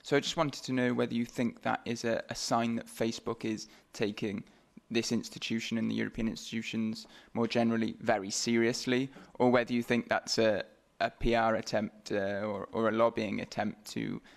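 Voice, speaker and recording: A man's voice: medium pitch, flat delivery, moderate pace, creaky. A man, a journalist asking a follow-up question at a press conference.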